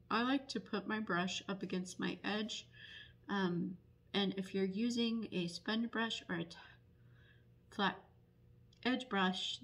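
A woman teaching barn quilt painting at a table in a casual, unhurried tutorial full of ums. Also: mid-range voice. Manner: unhurried, many ums, explanatory. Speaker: painting instructor and paint retailer.

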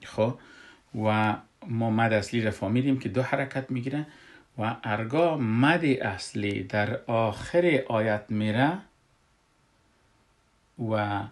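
A man with an Afghan Dari accent teaches Quran recitation rules one point at a time. His explanation is patient and methodical, broken by frequent filler pauses as he searches for the next word. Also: lowish voice. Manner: patient, step-by-step, often pausing with fillers. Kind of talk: classroom explanation.

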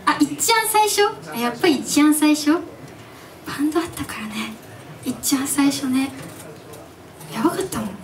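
A young woman in her twenties, a singer chatting with her audience at her own live show, animated and giggly as she tells stories. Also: high voice, fairly quick, long pauses. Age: 20s. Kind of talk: casual stage MC chat with the audience. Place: live music venue stage. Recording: distant mic in a live club, faint background noise.

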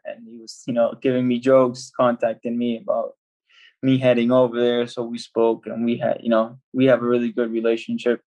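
A young footballer from El Salvador chats casually as a guest on a laptop video-call interview from a small room at home, rambling and restarting often. His voice is medium-pitched with a darkish tone, and the audio quality is poor.

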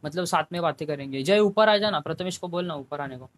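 A young man with a fairly high voice, talking casually into a headphone mic on his game stream. He chats with viewers by name and sometimes pleads with them. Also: fast. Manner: chatty, talks to chat viewers by name, pleading at times. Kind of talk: casual live-stream chat.

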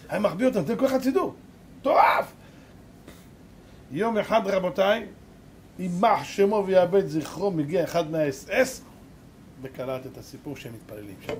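A rabbi giving a sermon, telling a story dramatically and swinging between loud and hushed. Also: male voice, fairly high pitch, slight background noise. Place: live lecture event.

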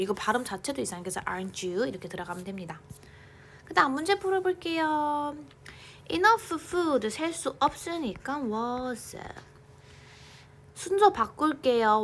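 Breathy, animated Korean woman teaching English. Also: sits high. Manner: explains in chatty informal Korean, reads English examples slowly, drops to near-whispers. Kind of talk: online grammar lecture.

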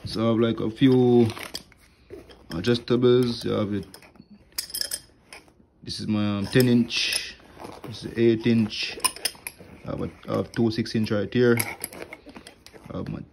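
Unhurried, with long pauses and a noisy background, a young man's gravelly, fairly low voice holds a steady tone. The HVAC tech is giving a casual tour of his tool bag on a wooden floor at home, plainly explaining each tool with fillers as a close phone camera films his hands.

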